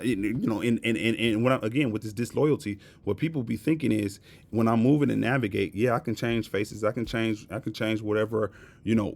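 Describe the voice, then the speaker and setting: A man's voice: fairly low pitch, vocal fry, darkish tone. A man giving a casual, blunt and profane rant to camera, repeating his points with emphasis. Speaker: vlogger.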